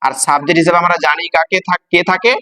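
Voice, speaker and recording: High-voiced teacher spelling slowly. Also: male voice, fairly even intonation, sharp tone, long reverb tail, low-quality recording. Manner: spells words out letter by letter, slow and emphatic. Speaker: English grammar teacher. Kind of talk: classroom-style grammar lesson.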